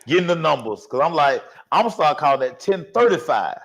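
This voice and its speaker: A man who once coached high school football, telling a story in casual, slangy sports talk and voicing the people in it. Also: brisk, vocal fry. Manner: animated, slangy storytelling with voiced quotes. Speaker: sports talk show host.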